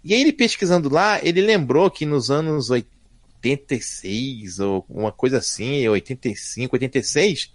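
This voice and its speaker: A man, telling stories as a podcast guest in a lively, slangy way. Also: mid-range voice, normal speed, no echo. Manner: lively and slangy, voice rising and falling. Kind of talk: casual storytelling chat.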